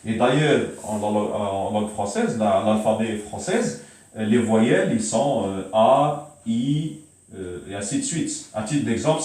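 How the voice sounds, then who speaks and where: Recorded from far off in a very echoey room, a man with a mid-range, slightly mellow voice gives a beginner Arabic lesson at a whiteboard. His explanations are patient, full of repetition and frequent hesitations.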